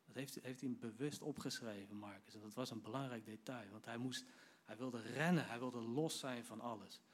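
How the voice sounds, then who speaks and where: Man, sermon, vivid storytelling, addresses listeners, mid-pitched voice. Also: normal speed. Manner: lively storytelling, acts out quoted lines; addresses the audience directly. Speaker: preacher. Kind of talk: sermon retelling a Bible story.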